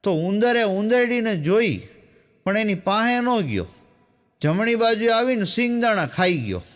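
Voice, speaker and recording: High-voiced man telling folksy jokes. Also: big pitch swings, measured pace. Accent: Gujarati, Saurashtra dialect. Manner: storytelling, quoting characters in dialogue. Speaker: stand-up comedian. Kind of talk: Gujarati joke telling.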